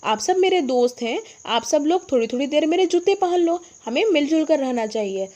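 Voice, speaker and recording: A woman reading the part of a cheerful young schoolgirl who can fly, speaking eagerly with exclamations, in a high voice. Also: lively intonation, normal speed, a little mellow. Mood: friendly.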